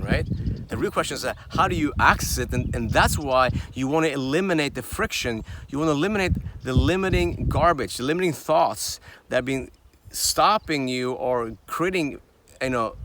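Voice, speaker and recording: A man's voice: mid-range voice, background noise. A man giving a motivational talk while walking outdoors on a hill, earnest and repetitive, ending his points with "right?". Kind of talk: motivational walk-and-talk monologue. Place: outdoors on a steep hill walk.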